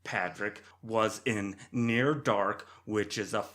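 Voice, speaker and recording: Slow, rambling male podcaster, drawls through his points. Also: fairly low pitch, steady tone, fairly bright tone. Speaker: podcast co-host. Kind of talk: casual film-review chat.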